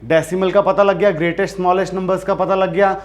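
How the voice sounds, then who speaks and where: High-voiced man teaching maths. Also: level tone, quick pace. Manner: explains step by step with many check-in questions; repeats himself with frequent self-corrections. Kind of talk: online classroom lesson.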